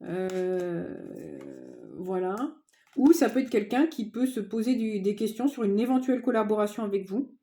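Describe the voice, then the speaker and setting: A woman giving a casual tarot reading to viewers, chatty and informal, often pausing with fillers. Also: mid-range voice, dark tone. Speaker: tarot card reader.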